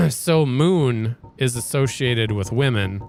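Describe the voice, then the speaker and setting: A man's voice: mid-range voice, lively intonation, takes it slowly, vocal fry, darkish tone, soft background music. A man hosting a let's play, giving casual gameplay commentary in a rambling, hesitant way with frequent restarts.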